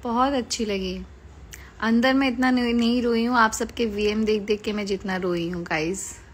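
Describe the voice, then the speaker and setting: A woman hosting a casual live chat with fans, relaxed and laughing often, mixing Hindi and English. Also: fairly high pitch, moderate pace, slightly rough. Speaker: live-stream host chatting with fans.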